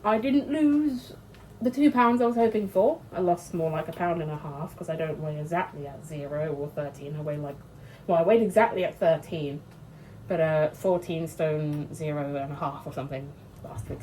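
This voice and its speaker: This is a British woman's laid-back cooking vlog from her home kitchen, full of chatter, swearing and frequent laughter. She speaks at a moderate pace in a lowish, expressive, slightly mellow voice that's congested and sniffly. The low-quality audio carries slight background noise.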